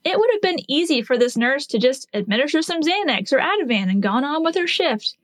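A woman's voice: high-pitched, sing-song, a little fast, dry recording. A woman in her forties, a nurse hosting a podcast, telling a patient story and teaching in an earnest, explanatory way with rhetorical questions.

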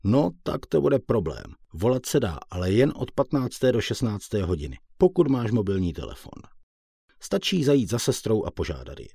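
A man voicing a friendly male fellow patient who gives brisk, matter-of-fact advice in an audiobook. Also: on the low side, very animated, vocal fry, warm tone, breathy edge, dry recording, heavily acted. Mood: brisk helpful.

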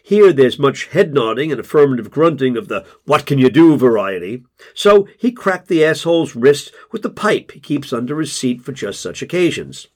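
Husky man narrating a wry story. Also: mid-range voice, big pitch swings, moderate pace, a little mellow. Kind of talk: first-person story narration.

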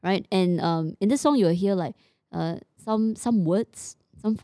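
This podcast co-host, a woman with a Singaporean accent, slips between English and Mandarin in relaxed conversation. She speaks a little slowly in a warm, mid-range voice, and the studio-quality audio carries no room sound.

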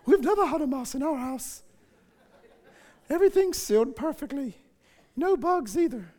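A man's voice: very high voice, lively intonation, normal speed, darkish tone, voice pushed up. A male pastor voicing a prim older British woman who insists her house is spotless. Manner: prim, mocking denial.

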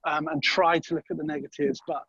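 A man's voice: on the high side, steady tone, a little fast, gravelly, a bit bright, slightly rough, dry recording, muffled recording. A man being interviewed, talking in a thoughtful way, often restarting and weighing both sides. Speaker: guest. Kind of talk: interview conversation.

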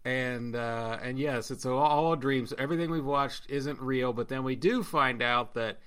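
Podcast host, male, blunt and swearing, with a bright, forceful tone. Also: medium pitch, normal speed, clear, resonant tone. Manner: blunt and profane, emphatic rants. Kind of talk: casual panel chat.

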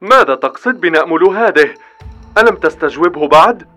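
A man doing a domineering French official, with a bright, cutting, somewhat raised voice. He snaps orders with open scorn in a tense audiobook scene, while faint music plays behind. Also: on the high side, animated, brisk, voice pushed up. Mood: demanding. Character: domineering male French official, curt and threatening. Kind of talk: audiobook dialogue.

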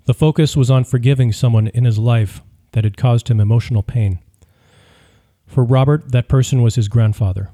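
A man reading a true-crime audiobook in scripted narration, measured and even. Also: mid-range voice.

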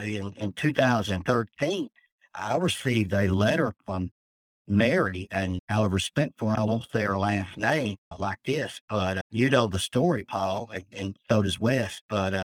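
A man's voice: medium pitch, no echo, low-quality recording. A man calling in to share an emotional, earnest personal testimony of faith as a guest. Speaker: death row inmate guest. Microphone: phone call.

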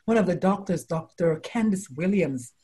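At a moderate pace, an American woman of 40 or older, a doctor and life coach, chats casually in an interview. She tells animated stories, and her quotes come out as acted, high exclamations.

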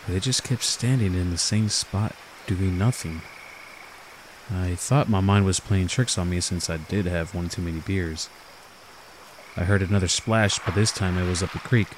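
A man's voice: low voice, a little hiss or hum. A man reading a scripted first-person horror story as its narrator.

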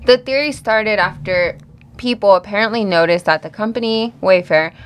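A woman's voice: on the low side, slight background noise. A woman co-hosting a conversation in a casual, conversational style. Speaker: podcast co-host.

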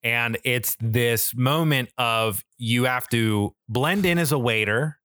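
Slow, bright and forceful, a medium-pitched man with a clean tone co-hosts a podcast discussing games and films. His casual chat is enthusiastic and full of swearing, with plenty of "like" and checks of "right?"

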